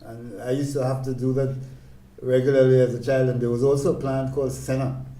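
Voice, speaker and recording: An older man from Tobago with a Tobagonian accent, reminiscing in an interview in a calm, gentle, deliberate way. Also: medium pitch. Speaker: interviewee, village elder sharing memories. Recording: roomy, echoing interview recording.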